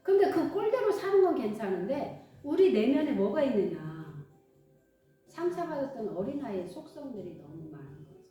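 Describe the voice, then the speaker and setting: A woman's voice: a little high, normal speed. Middle-aged woman preaching in an echoey hall. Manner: conversational, animated, acts out dialogue. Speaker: pastor. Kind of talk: sermon. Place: church hall. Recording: echoey hall, far from mic, faint music.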